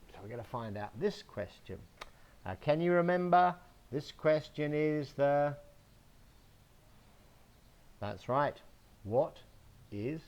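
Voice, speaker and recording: An English man gives a slow English lesson to young children outdoors in a home garden, spelling words out letter by letter. His voice sits at a medium pitch, and the recording has its high frequencies cut off.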